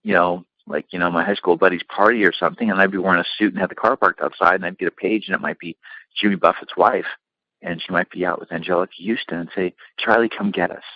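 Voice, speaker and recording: Deep-voiced man telling rambling stories. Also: steady tone, fast talker, dry recording, highs cut off. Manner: rambling anecdotes with many fillers. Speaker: limousine company founder, interview guest. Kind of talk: relaxed storytelling interview.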